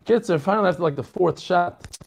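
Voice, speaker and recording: A man giving a casual daily Talmud class, joking and animated, often restarting and correcting himself, with Hebrew and Yiddish terms mixed in. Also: high voice, a little fast, vocal fry. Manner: frequent restarts and self-corrections. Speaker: Talmud teacher.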